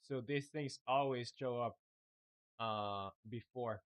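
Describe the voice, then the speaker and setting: This young man from Chile speaks Spanish as his first language and has a mid-range voice that moves slowly. He's on a live stream building his game, chatting casually and thinking aloud in a relaxed way with lots of fillers.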